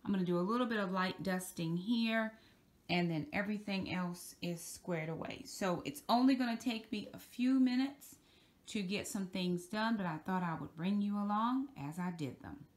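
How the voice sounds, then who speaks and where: A middle-aged woman vlogging casually about tidying her bedroom, talking in a chatty, upbeat way into a phone camera held at arm's length. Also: medium pitch. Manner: chatty and upbeat, drawn-out emphasis. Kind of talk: casual cleaning vlog. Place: bedroom in a home.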